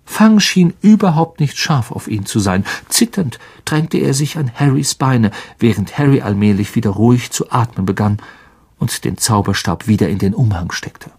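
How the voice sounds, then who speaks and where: A man narrating a fantasy audiobook in a hushed, suspenseful storytelling manner. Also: mid-range voice, lively intonation, normal speed, slightly rough.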